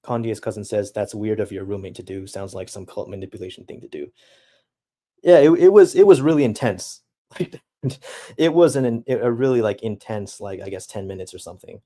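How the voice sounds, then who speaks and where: A young man streaming, reading out chat messages and answering them in halting, reflective casual talk. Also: lowish voice, warm tone. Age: young adult.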